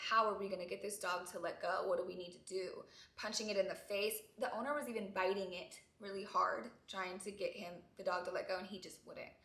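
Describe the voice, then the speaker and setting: A young woman vlogger telling an emotional story, tearful and animated as she talks. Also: medium pitch, echoey room.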